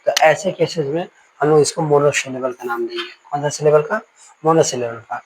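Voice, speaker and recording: A man's voice: fairly high pitch, fairly even intonation, background noise. A male teacher giving a live online grammar class, explaining patiently and dictating definitions word by word. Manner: explains slowly, repeats and dictates words one by one.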